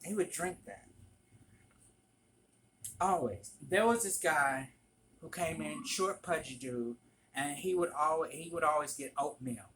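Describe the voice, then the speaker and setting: A vlogger telling a work story in an animated, profane storytime manner. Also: medium pitch, measured pace, long pauses, a little hiss or hum. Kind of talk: storytime vlog.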